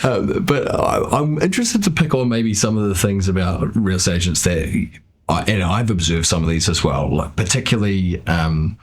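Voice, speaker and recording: A man's voice: low voice, lively intonation, moderate pace, breathy edge. A man hosting a casual podcast interview, speaking informally and somewhat hesitantly. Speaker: podcast host.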